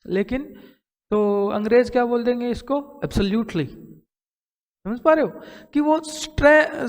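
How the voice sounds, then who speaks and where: A man with an extremely high-pitched voice lectures on English grammar and pronunciation in a school classroom. He explains step by step and asks rhetorical questions, and his voice carries a long reverb tail.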